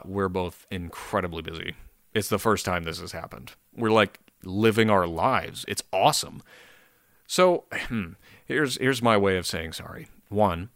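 A very tired, sleepy man with a gravelly voice, hosting a podcast in casual, rambling, self-deprecating solo chat with some casual swearing. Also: fairly low pitch, fairly bright tone, dry recording, studio quality. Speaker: podcast host.

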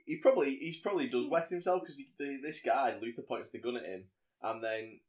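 A man co-hosting a podcast, casually retelling a film in a rambling, animated way. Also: medium pitch, a little fast. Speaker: podcast co-host. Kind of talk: casual film recap chat.

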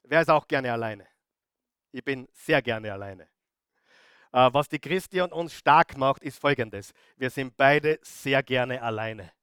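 A middle-aged preacher, his voice a little higher than most men's. He hammers key words again and again and keeps turning to the congregation with questions. The recording is dry and close, with no room echo. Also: a bit bright, clear, resonant tone. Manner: emphatic, repeats key words, asks the audience questions. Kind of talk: sermon.

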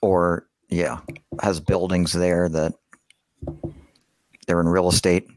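A man's voice: deep voice, flat delivery, slow, darkish tone, dry recording, studio quality. A man co-hosting a casual podcast, tossing in wry jokes. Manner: joking, wry asides. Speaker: podcast co-host.

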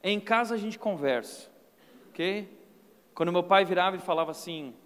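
A man with a Brazilian accent preaching a sermon, telling stories and acting out quotes in an animated way. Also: sits high, moderate pace. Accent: Brazilian Portuguese. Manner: animated storytelling with acted-out quotes. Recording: long hall reverb.

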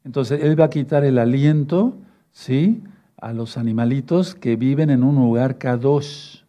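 A male preacher giving a fatherly sermon, reading scripture verses slowly and often checking in with his listeners. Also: medium pitch, warm tone, lo-fi sound. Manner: fatherly, repeats "no, no, no" and asks "¿sí?"; reads verses slowly and rereads them.

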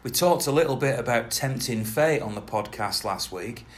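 A man's voice: medium pitch, expressive, normal speed. A man presenting a football podcast in a rambling, conversational way.

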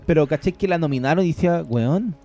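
A man's voice: on the high side, brisk, loud music behind the voice. A man with a Chilean accent co-hosting a film podcast in casual chat, slangy and full of "cachai". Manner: slangy, peppers talk with "cachai". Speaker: podcast co-host.

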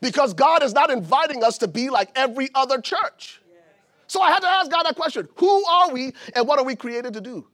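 A preacher from Liberia delivers a sermon with a high voice. He builds his points with rising emphasis and at times shouts them out to the congregation. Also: lively intonation, fairly quick. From Liberia, West Africa. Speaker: pastor.

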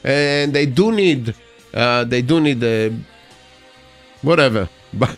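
A man's voice: medium pitch, animated, slow pace. Male radio host over background music. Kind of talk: casual community radio announcements.

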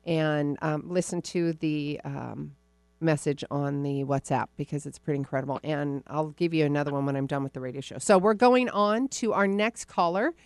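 A woman's voice: sits low, normal speed, a little mellow, no echo. A woman hosting a radio call-in show, chatty and effusive, full of endearments.

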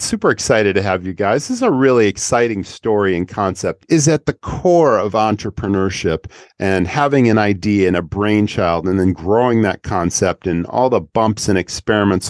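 A man's voice: fairly low pitch, no room sound, studio quality. A male podcast host interviewing guests, enthusiastic and talking in long run-on thoughts.

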